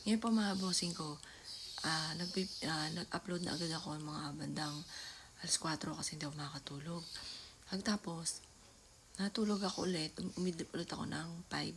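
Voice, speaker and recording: A middle-aged woman with a fairly low voice tells a casual vlog story at home. She talks softly, often close to a whisper, and now and then breaks into loud calls. Clear background noise from the room is heard behind her. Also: fairly even intonation, a little fast. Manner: soft-spoken, often half-whispered, bursting into loud calls. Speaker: vlogger. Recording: noisy home ambience.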